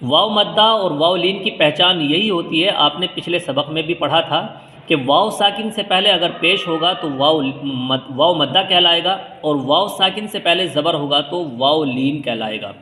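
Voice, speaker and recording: A man's voice: fairly high pitch, sharp tone, a little hiss or hum. A man from India teaching Quran reading step by step, patiently explaining and drawing out and half-chanting the letter sounds. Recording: echoey room with long reverb.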